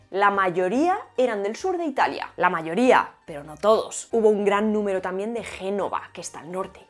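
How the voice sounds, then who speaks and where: Playful woman. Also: mid-range voice. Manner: playful, asks and answers her own questions. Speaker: linguistics video host. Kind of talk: scripted educational explainer.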